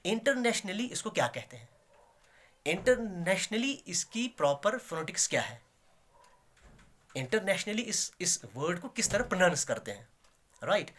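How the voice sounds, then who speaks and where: Animated Kashmiri man teaching English sounds. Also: sits high. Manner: explains slowly, repeats key words, rises emphatically on examples. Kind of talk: classroom-style lesson.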